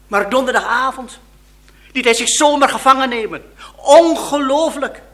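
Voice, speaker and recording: A man preaching a sermon, telling the story dramatically and expressively, with pauses and exclamations. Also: extremely high pitch, a bit bright.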